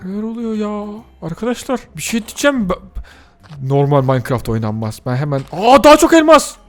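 A man giving excited let's-play commentary, gasping and exclaiming as he talks to his viewers and himself. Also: high-pitched, brisk, soft background music. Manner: excitable, gasps and shouts at surprises. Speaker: gaming youtuber.

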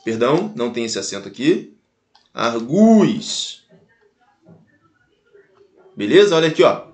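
A man's voice: medium pitch, quick pace. A Brazilian man with a Brazilian Portuguese accent teaching an online grammar lesson, talking straight to his students and spelling out each example again and again. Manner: animated, addresses students directly, repeats and spells out examples. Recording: echoey room.

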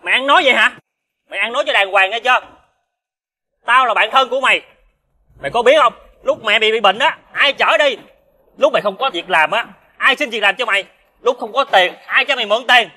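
An actor playing a hot-tempered, drunk male ex-convict, shouting indignantly in a TV crime drama. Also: fairly high pitch, expressive, quick pace, slight background noise. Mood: furious.

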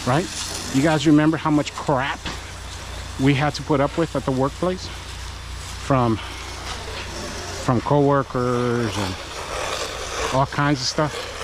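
A man's voice: mid-range voice, takes it slowly, pauses often. A man hosting a work vlog, chatting and coaching viewers while he washes a house outdoors. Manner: chatty, encouraging, talks to viewers while working. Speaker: pressure washing business owner and channel host. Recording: noisy outdoor recording.

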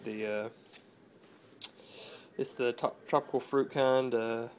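Speaking slowly in a mid-range voice with fairly even intonation, this nineteen-year-old man vlogs casually about fitness from a room in his home. He holds the phone camera close and rambles easily, dropping in lots of "uh"s.

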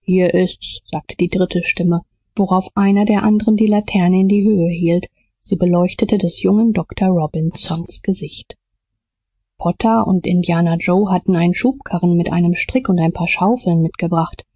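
A woman reading an audiobook as narrator in calm, measured storytelling. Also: on the low side, breathy edge, dry recording. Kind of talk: scripted narration.

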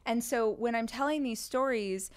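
A woman hosting an interview, talking in an earnest, conversational way and acting out quoted reactions, on a studio boom mic. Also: normal speed. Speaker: podcast host. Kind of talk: casual interview chat. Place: bright living-room studio set, indoors.

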